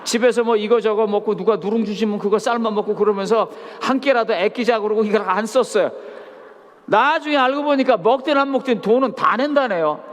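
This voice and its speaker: In a camp meeting hall with echoing reverb, a middle-aged pastor preaches a sermon, spinning humorous stories and acting out the dialogue he quotes. His voice is high and fairly quick, with slight background noise in the recording.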